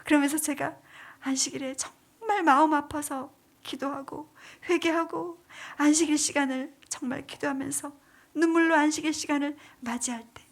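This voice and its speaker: This woman, a deaconess, has a high voice with fairly even intonation and a moderate pace. She gives an emotional church testimony in a dramatic way, dropping to whispers and then rising into pleading cries.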